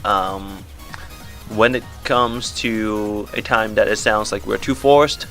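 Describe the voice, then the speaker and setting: A man's voice: on the low side, steady tone, slow, fairly bright tone, faint music behind. A young man from Canada co-hosting a podcast, joking in upbeat, rambling casual chat from a small home studio. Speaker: podcast co-host.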